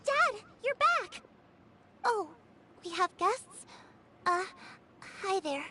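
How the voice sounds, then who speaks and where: A woman playing a shy, sweet, polite young girl in a video game, speaking hesitantly and gently. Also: extremely high pitch, big pitch swings, very slow, very noisy, heavily acted. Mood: shy, surprised.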